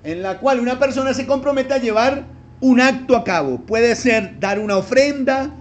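A man's voice: extremely high pitch, normal speed. A man with a Colombian accent preaching a sermon as a pastor, often checking in with his listeners with short questions. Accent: Colombian Spanish. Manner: asks the congregation frequent check-in questions.

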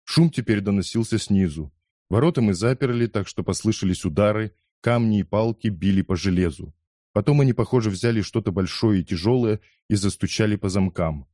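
A man reading a first-person story aloud in a measured storytelling manner. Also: on the low side, mellow, dry recording, studio quality. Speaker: audiobook reader. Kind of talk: scripted first-person narration.

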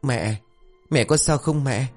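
A man's voice: mid-range voice, slow pace, faint music behind, pitched above the performer's own voice. A man voicing a polite, worried young daughter in a read-aloud family story, speaking respectfully.

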